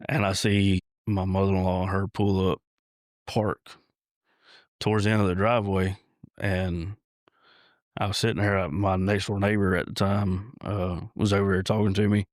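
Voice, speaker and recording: A lowish male voice, recounting his story as a podcast guest. He talks haltingly, stopping and restarting often. The sound is dry and close, with no room echo. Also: level tone. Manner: halting, with many restarts and fillers. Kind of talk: personal storytelling in an interview.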